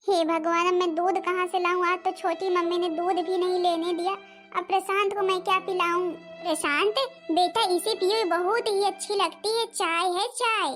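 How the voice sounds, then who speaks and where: A woman's voice: very high-pitched, fairly even intonation, moderate pace, fairly bright tone, faint music behind. A woman voicing a caring, worried teenage older sister in a cartoon. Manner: worried, pleading. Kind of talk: cartoon voice acting.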